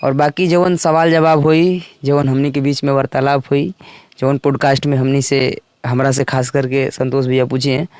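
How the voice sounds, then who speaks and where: A young man, a singer and songwriter, answering interview questions in an earnest, unhurried, polite way. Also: mid-range voice, level tone, a little mellow, clean tone, no echo. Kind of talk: casual interview talk.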